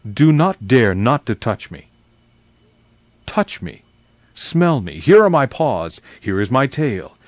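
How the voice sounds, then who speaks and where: A man voicing a majestic, wise male lion in a children's story read aloud, speaking slowly and gravely. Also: fairly low pitch, big pitch swings, a little mellow, no echo. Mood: solemn. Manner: slow, grave, deliberate speech. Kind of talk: reading a children's novel aloud.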